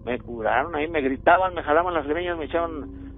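This radio caller, a middle-aged man with a Mexican accent, has a gravelly voice on the high side and speaks fairly quickly, with a little hiss or hum. Music plays on the tinny phone line as he tells a meandering, halting ghost story.

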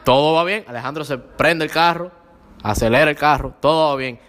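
A man's voice: a little high, a little fast, fairly bright tone. A man guest on a podcast, teasing his friends with a playful, dramatic retelling of a story. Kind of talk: casual storytelling among friends. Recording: reverberant room.

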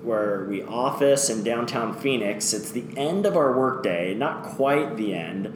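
An upbeat man hosts a casual podcast, his introductions playful and a little self-mocking. He sounds like he is in an echoey office boardroom. A steady noise hums under his voice. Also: medium pitch, a little slow. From United States. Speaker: podcast host. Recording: echoey room with background noise.

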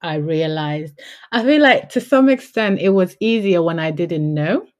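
A woman's voice: lowish voice, expressive, unhurried. A woman from Gambia, co-hosting a casual podcast chat, who laughs easily and often quotes herself. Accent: London English, faint Yorkshire. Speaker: podcast co-host.

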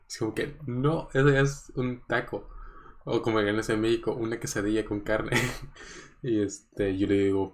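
A man from Mexico with a Mexican Spanish accent, hosting a casual solo podcast, rambling and chatty with many fillers and chuckles. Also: on the low side. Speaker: podcast host.

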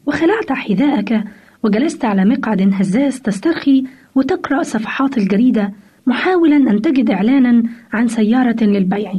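A woman's voice: sits high, warm tone, slightly rough. A woman giving parenting advice in a scripted radio talk, speaking directly to the listener and asking rhetorical questions, on a dull lo-fi radio recording.

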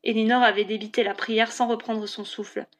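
A woman narrating a novel as an audiobook in a clear, even storytelling delivery. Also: fairly high pitch, brisk.

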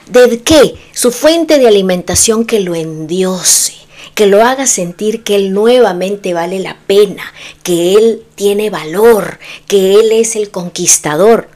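A woman's voice: medium pitch, lively intonation, takes it slowly, a little mellow. A woman relationship coach giving advice straight to the listener, emphatic and full of rhetorical questions. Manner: speaks intimately to the listener as "tú". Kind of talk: direct-to-camera advice talk.

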